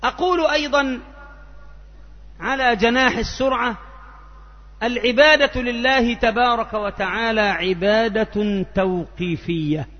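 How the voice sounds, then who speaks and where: A man with an Egyptian accent preaches a sermon in a strikingly high voice, slipping between formal Arabic and everyday colloquial asides. The recording sounds muffled, and his voice rings out in a long hall reverb.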